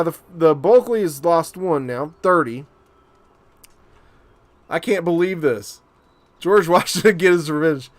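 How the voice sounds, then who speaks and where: A man commentating a strategy game battle for his channel, excitable and incredulous, often stammering and repeating himself. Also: a little high.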